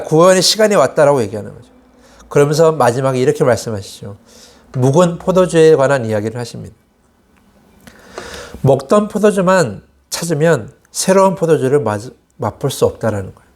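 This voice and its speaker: A man's voice: fairly high pitch, darkish tone. A man preaching a Sunday sermon as pastor, asking rhetorical questions and acting out quoted complaints in a raised voice. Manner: asks the congregation rhetorical questions.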